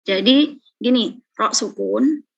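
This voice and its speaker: A woman's voice: fairly high pitch, vocal fry, husky, dull audio. A woman teaching Quran recitation rules, patiently explaining and repeating each example word several times. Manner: slow, patient, repeats and drills pronunciations. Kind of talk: online lesson.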